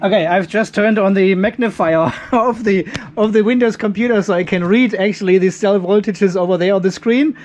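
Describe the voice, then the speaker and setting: In a garage workshop, a middle-aged man who runs a DIY off-grid battery channel works through a casual demonstration, talking informally and musing aloud. He has a high-sitting voice, and there's a faint hiss or hum on the recording.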